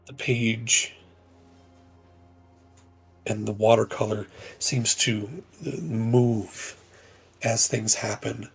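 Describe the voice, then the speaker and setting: Slow, gravelly-voiced man narrating a game. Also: fairly low pitch, steady tone, faint music behind. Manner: slow, measured descriptive narration. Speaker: game master.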